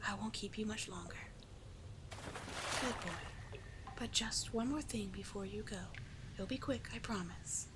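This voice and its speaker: Breathy and unhurried, a woman voices a seductive sea witch from the deep caves in an ASMR roleplay meant as a hypnotic sleep aid. The lightly acted, mid-pitched performance is whispery and coaxing, drawing out words in a doting, teasing mood as the manipulative character. Noticeable ambient noise runs behind her.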